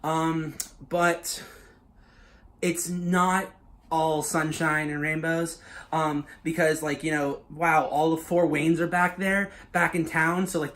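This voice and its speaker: A man casually pitching his own story as a YouTuber, loose and swearing, full of filler words. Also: fairly bright tone.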